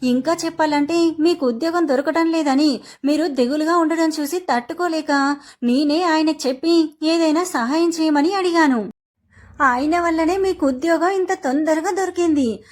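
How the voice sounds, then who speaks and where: Woman reading soft-spoken young wife, caring and reassuring, high voice, storybook telling. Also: moderate pace. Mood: pleading.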